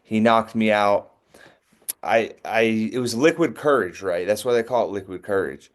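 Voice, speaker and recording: Man from north carolina, candid, self-aware, lowish voice, storytelling. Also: moderate pace. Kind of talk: personal storytelling in conversation.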